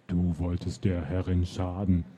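A booming slow giant, played by a man. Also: monotone, warm tone, slight background noise. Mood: gruff. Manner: slow, heavy, booming speech. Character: huge booming male giant, gruff and blunt.

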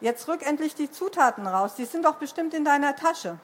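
A woman's voice: high voice, animated, a little fast. A woman voicing a smug, demanding male villain in a children's storybook.

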